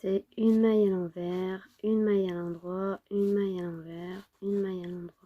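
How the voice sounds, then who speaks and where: A woman who is a little sick, giving an informal knitting tutorial step by step in an unhurried way. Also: medium pitch, flat delivery, highs cut off. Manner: unhurried, counting and repeating steps. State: slightly sick, under the weather with a cough.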